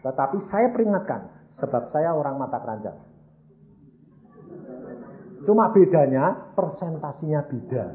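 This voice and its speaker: An elderly man in his eighties with a Javanese accent, preaching a sermon with dramatic storytelling that swings between loud outbursts and hushed low lines. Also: big pitch swings, a little slow, pauses often, background noise. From Central Java, Indonesia. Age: 80s. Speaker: evangelist preacher. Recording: echoey hall over tinny phone-like sound.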